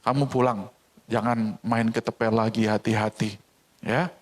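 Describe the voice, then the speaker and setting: A man voicing a kind older neighbor who gently forgives a boy. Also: fairly low pitch, fairly even intonation, measured pace, voice pushed down. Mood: gentle. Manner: soft, gentle, fatherly.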